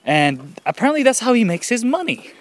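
A man's voice: very high voice, big pitch swings, brisk. A man casually telling a rambling story outdoors, laughing often and slightly out of breath. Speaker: vlogger. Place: outdoors, birds nearby.

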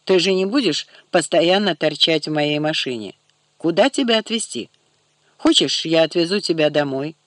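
A man voicing a brisk, blunt young tough who talks in curt slang and sounds impatient. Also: fairly high pitch, fairly bright tone, dry recording, close to an everyday voice.

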